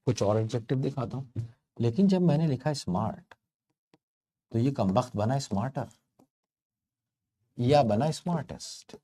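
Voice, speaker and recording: A man's voice: mid-range voice, animated, a little slow, pauses often, mellow, breathy edge. A man teaching a grammar lesson in a chatty, storytelling way, playfully stretching out words to make a point. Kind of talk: explaining English grammar to learners.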